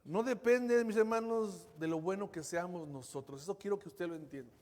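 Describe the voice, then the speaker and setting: A male pastor delivers a fervent sermon in a high, bright voice. His delivery swells to bold peaks and then sinks to near-whispers. The long reverb of a large hall trails behind every phrase. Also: normal speed.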